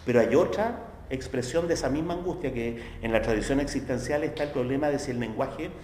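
A man with a Chilean accent giving a university philosophy lecture in a conversational way, checking understanding with tag questions and acting out quoted voices. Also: brisk. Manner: acts out quoted voices with sharp pitch jumps. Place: lecture hall. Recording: echoey hall, faint background noise.

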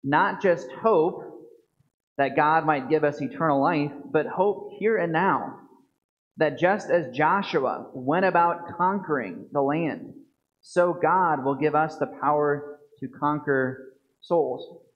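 Earnest priest preaching at a lectern. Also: male voice, a little high. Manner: earnest, measured preaching with slow emphatic stresses. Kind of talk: homily. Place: church sanctuary at a lectern. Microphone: fixed lectern microphone. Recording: dull lo-fi church video stream.

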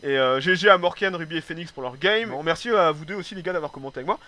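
Fast, bright-voiced excitable male commentator. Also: fairly high pitch. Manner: excitable, swears casually, peppers speech with "hein"; hesitant restarts and repeated words. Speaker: game replay commentator. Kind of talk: casual live commentary of a strategy game replay.

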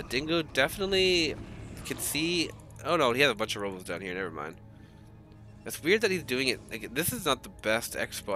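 A man's voice: mid-range voice, bright, forceful tone. A man casting a live strategy game match, talking loosely in rambling play-by-play with swearing and restarts, his voice still groggy from just waking up. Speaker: esports caster.

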